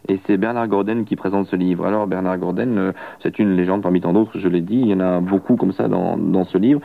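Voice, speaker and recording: Man, radio host, hesitant restarts, gravelly voice, phone-like sound. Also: low-pitched. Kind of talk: radio interview.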